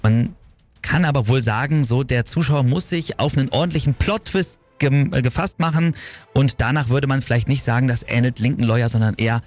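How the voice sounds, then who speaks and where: A man's voice: mid-range voice, fairly quick, a little mellow. A man giving a conversational review of TV series as part of a chat with a co-host.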